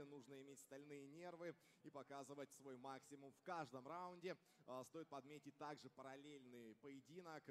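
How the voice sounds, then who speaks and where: A young male esports commentator calls a live match over a headset. His voice sits a little high, and it rings with the long reverb of a big event hall. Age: young adult. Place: caster desk on stage in large indoor arena.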